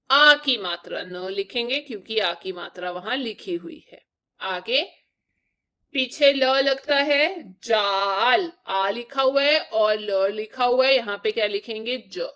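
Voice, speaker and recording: A woman's voice: a little high, sharp tone. A young woman teaching young children to write letters, explaining each step patiently and asking them questions. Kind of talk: children's Hindi lesson.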